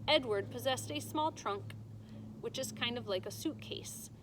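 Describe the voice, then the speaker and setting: A woman teacher reads a storybook aloud to children at a measured pace, her voice a little high. She delivers it emphatically and adds simple explanations, with noticeable background noise in the recording.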